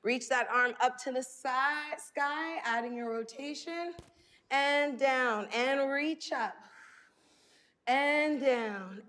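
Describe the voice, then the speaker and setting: A woman's voice: sits high, pushed and bright. A woman fitness instructor speaking while exercising, guiding a stretching workout with timed breathing cues and encouragement. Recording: long hall-like reverb.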